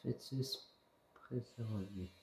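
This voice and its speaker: A man with a fairly low voice gives loose let's-play commentary from home. He mutters half to himself, chuckles often and coaxes the game creatures. A faint hiss sits under his voice. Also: extremely slow, vocal fry. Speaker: gamer playing a survival game.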